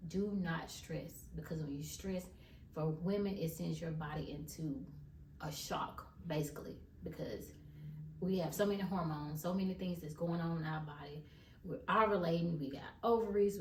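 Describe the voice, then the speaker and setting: A woman gives an emphatic faith testimony in a casual vlog, calling her viewers "y'all." Her voice is fairly low and darkish with a little hiss or hum, and it sounds distant in an echoey room.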